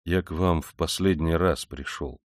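A man's voice: moderate pace, darkish tone, dry recording, clean studio sound, close to an everyday voice. A man voicing a gloomy, brooding young man. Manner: sullen, low and abrupt. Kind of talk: audiobook character reading.

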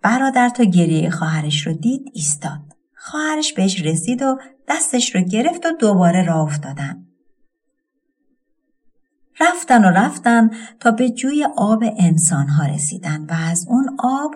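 A woman narrating a folk tale audiobook with an expressive storytelling cadence. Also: mid-range voice, breathy edge.

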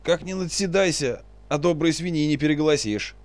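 A man's voice: on the high side, moderate pace, voice pushed up, close to an everyday voice. A man reading a story aloud and voicing a sulky, grumbling male craftsman. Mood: grumpy.

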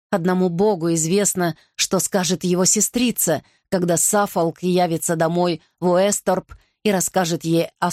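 A woman reading a historical novel aloud in an even, measured narration. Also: fairly low pitch, dry recording, studio quality. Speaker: audiobook narrator. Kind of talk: scripted narration.

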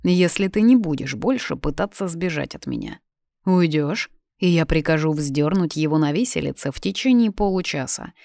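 A woman's voice: low-pitched, very animated, moderate pace, vocal fry, mellow, no room sound, clean studio sound, full character voice. A woman voicing a harsh, hot-tempered young king who speaks coldly and mockingly. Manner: cold, commanding, mocking.

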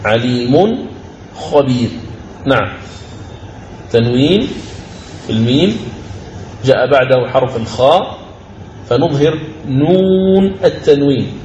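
A man teaching the rules of Quran recitation in a recorded lecture. He explains each rule step by step, repeats key phrases, and slows into a chanted recitation for each example verse. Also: mid-range voice, expressive, a little mellow, highs cut off. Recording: roomy recording with faint ambient noise.

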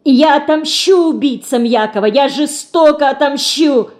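A woman reads a young storybook girl, impulsive and stubborn, her vows tearful and pleading and climbing in pitch. The tone is mellow and dark, and the voice stays close and soft. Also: lively intonation, a little slow, close to an everyday voice. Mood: fierce vow.

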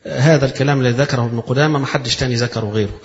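Speaking very fast with fairly even intonation, a man in a mid-range voice reads a text aloud in a religious lecture and explains it colloquially in Egyptian Arabic, repeating phrases to demonstrate how they're pronounced. The recording is lo-fi and dull, from an echoey hall.

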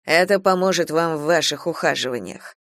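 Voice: mid-range voice, brisk, fairly bright tone, no room sound, clean studio sound, natural voice. A reader voicing Troy, a young soldier, cool and mocking, in an audiobook. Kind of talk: audiobook character reading.

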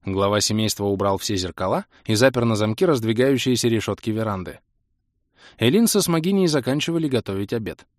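A man narrating an audiobook in an even, measured manner. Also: lowish voice, dry recording, clean studio sound. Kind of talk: scripted narration.

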